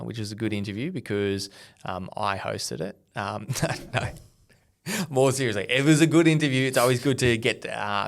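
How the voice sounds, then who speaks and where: A man hosting a casual office podcast, playful and joking, and quick to laugh. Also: lowish voice, clear, resonant tone. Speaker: host.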